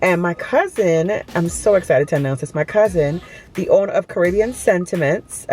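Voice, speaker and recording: A woman vlogger, talking in a chatty, excited way at an outdoor holiday market. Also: fairly low pitch, normal speed, faint music behind. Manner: excited, chatty, says y'all a lot. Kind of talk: casual vlog chat.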